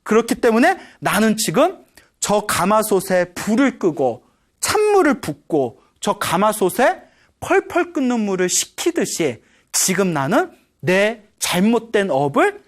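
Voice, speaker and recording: A woman voicing a wise, remorseful ancient king in a Buddhist sermon story, speaking slowly and gravely. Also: medium pitch. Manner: slow, grave, measured.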